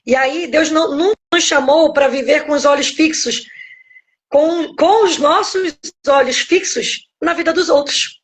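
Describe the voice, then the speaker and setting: A woman's voice: high-pitched, unhurried. A middle-aged woman pastor with a Brazilian Portuguese accent, giving a reflective devotional teaching from home over a phone on a live stream, checking in with her listeners as she goes. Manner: reflective, explains step by step, keeps checking in with "né?". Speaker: pastor and guest speaker.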